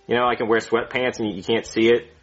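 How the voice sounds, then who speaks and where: Soft background music plays behind a man speaking fast and flat in a mid-range, near-everyday voice. He's acting as a rambling, stammering, insecure doctor who loathes himself and ends up screaming insults at himself, recorded in dull lo-fi.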